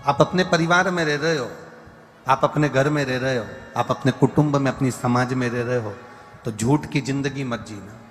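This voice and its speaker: A katha preacher with a medium-pitched, fairly bright voice gives a devotional sermon at a moderate pace, driving points home with repeated, emphatic lists and sometimes breaking into sung verses. The live hall recording has reverb and faint music.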